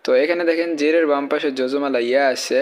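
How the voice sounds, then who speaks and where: A man's voice: on the high side, fairly even intonation, fast talker, in a large hall. A man teaching Quran reading, spelling out each letter and vowel patiently and checking in with the learner. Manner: patient, stepwise, asks rhetorical check questions. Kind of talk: spelling out and reciting verses for learners.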